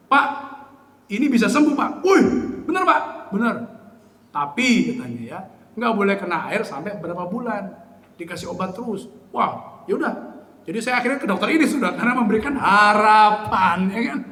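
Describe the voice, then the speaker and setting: A man preaching a Christmas sermon, telling a personal story in an animated way and addressing the congregation directly. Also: sits high. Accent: Indonesian. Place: church hall. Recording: echoey church hall, faint ambience.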